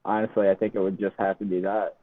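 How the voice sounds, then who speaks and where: A man, a podcast guest, giving quiet, thoughtful answers in a casual chat. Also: low voice, level tone, fast talker. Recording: phone-like call audio.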